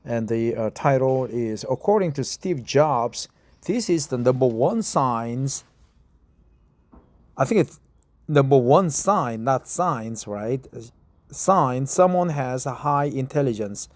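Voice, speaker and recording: In a casual self-made recording, a middle-aged Korean man who is not a native speaker reads an English article aloud with a Korean accent, stumbling over fillers and self-corrections. His mid-range voice is animated yet slow, and there's no echo.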